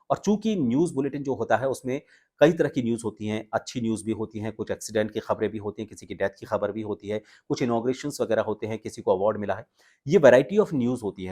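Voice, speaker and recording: In an instructional talk for viewers on modulating the voice, a man who trains voices speaks with careful, measured phrasing and emphatic pauses. He has a mid-range, somewhat mellow voice.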